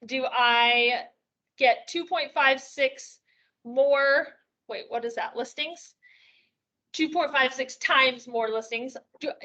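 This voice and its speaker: Upbeat high-voiced woman presenting to agents. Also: pushed and bright, lo-fi sound. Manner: upbeat, chatty, asks rhetorical questions. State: slightly out of breath. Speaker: real estate sales meeting presenter. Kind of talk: presenting at a sales meeting.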